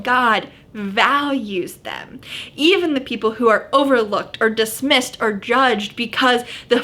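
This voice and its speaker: An upbeat woman youth pastor speaks in a fairly high voice. She teaches conversationally, with casual, youthful phrasing. Her delivery is earnest and encouraging, like a talk to a youth group. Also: a bit bright.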